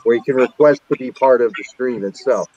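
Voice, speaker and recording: A man's voice: medium pitch, brisk, a little mellow, no echo. A man in his fifties hosting a casual group video chat, joking and teasing the others. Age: 50s. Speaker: stream host. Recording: dull lo-fi sound.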